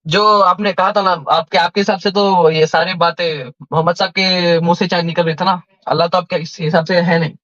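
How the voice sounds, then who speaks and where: A man's voice: sits high, fairly even intonation, a little fast, a bit bright, no echo. Hesitant Indian male caller. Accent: Indian Hindi. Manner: hesitant, deferential, calls the host sir. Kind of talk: online debate call. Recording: dull, dry call audio.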